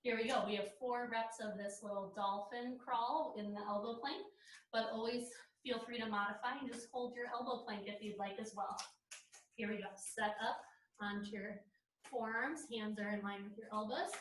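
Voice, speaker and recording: Soothing yoga teacher lady, kinda high voice, calm unhurried cues, super echoey and far from the mic. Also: a little hiss or hum. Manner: soothing, encouraging, unhurried cueing. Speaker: fitness and yoga instructor. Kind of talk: guided workout class, spoken cues. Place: echoey room. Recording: very echoey room, distant microphone.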